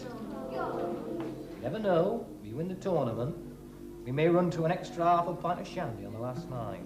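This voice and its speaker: An actor playing a middle-aged schoolteacher, strict but joking, with an emphatic, lively delivery in a 1980s TV drama. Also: male voice, on the high side, normal speed. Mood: stern, teasing. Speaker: schoolteacher briefing his pupils. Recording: roomy TV soundtrack with music behind.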